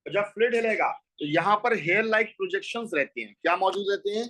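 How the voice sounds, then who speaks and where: Delivering a biology lesson at school, a man works through the material step by step, asking his own questions and answering them. He talks quickly in a high voice that sounds pushed and bright, and the recording is low in quality.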